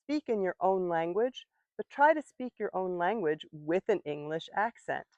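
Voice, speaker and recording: A woman teaching English slowly and clearly while working in her garden. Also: fairly low pitch, lively intonation, darkish tone, no room sound, highs cut off. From United States. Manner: slow, clear, patient explaining. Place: outdoor garden, rooster in background.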